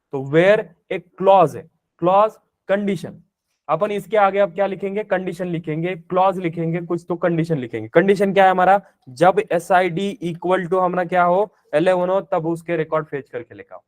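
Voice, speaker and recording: Guy teaching a coding class, kinda high voice, keeps asking the class questions and answering them himself. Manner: explains step by step with rhetorical questions to the class; mixes Hindi with English technical terms. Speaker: programming instructor. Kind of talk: live classroom coding lecture.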